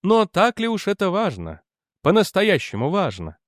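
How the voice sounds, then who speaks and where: A man's voice: high-pitched, huge pitch swings, moderate pace, no room sound, clean studio sound, pitched above the performer's own voice. A man reading aloud as a skeptical male official who defends the president and argues back. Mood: musing.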